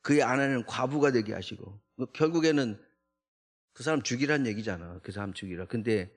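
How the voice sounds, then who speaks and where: Gravelly-voiced man preaching a dawn sermon. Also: mid-range voice, expressive, fairly quick. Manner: conversational, with frequent rhetorical "eh?" tags; acts out the psalmist's protests in a raised voice. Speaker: junior pastor. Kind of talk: early morning prayer sermon. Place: church sanctuary.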